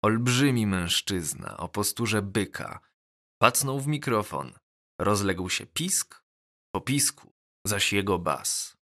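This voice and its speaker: A man reading a novel aloud as an audiobook, in measured, deliberate first-person narration. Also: fairly low pitch, expressive, a bit bright.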